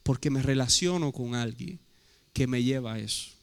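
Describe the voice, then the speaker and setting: The pastor speaks in a smooth, mid-range voice at normal speed. Preaching in Spanish tinged by Portuguese, he is emphatic and keeps posing rhetorical questions, his words echoing through the hall.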